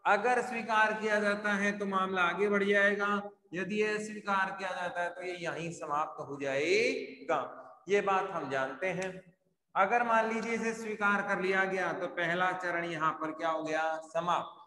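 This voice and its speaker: A male teacher lectures slowly and deliberately in a live class, repeating key points and firing questions that he answers himself. His voice is high and bright. The room around him is echoey, with a long reverb tail.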